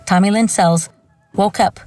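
A woman's voice: mid-range voice, fairly even intonation, a little slow, darkish tone, faint music behind. A woman hosting a true crime show, reading scripted narration broken up by informal, wry asides. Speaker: true crime podcast host.

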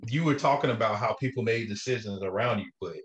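A man speaking earnestly and haltingly in casual, slangy, reflective conversation, with a roomy echo on the recording. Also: on the low side, slight background noise. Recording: roomy, echoing sound.

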